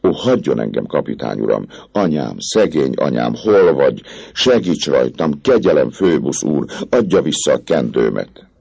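A man's voice: extremely low pitch, sing-song, gravelly, darkish tone, husky, heavily acted. A man voicing a passionate young woman who pleads with the man she loves, in an impassioned, breathless way. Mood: pleading. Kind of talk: audiobook character voice.

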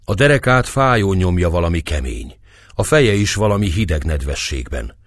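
Deep, expressive male audiobook narrator. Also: no echo. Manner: dramatic, expressive reading. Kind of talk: scripted narration of a historical novel.

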